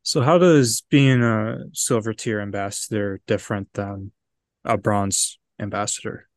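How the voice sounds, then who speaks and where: A man's voice: lowish voice, fairly even intonation, measured pace, a little mellow, no room sound, clean studio sound. A man hosting an interview podcast, asking short, plain questions. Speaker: podcast host.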